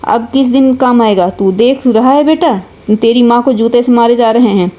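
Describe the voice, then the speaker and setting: A woman reading the lines of a fierce, sharp-tongued village wife and mother in a heated, scolding manner. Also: on the high side, moderate pace, highs cut off, natural voice. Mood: bitter.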